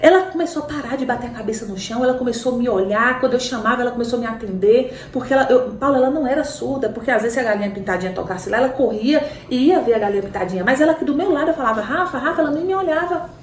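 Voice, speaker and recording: A Brazilian woman recounts a heartfelt testimony with animated, tearful fervor. Her voice sits a little high. It comes from a distance in a reverberant room with a faint hiss underneath. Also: rapid-fire, few pauses. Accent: Brazilian Portuguese. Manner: animated storytelling, breaking into laughter and tears. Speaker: podcast guest. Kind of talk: emotional testimony. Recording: roomy echo, distant mic, faint noise.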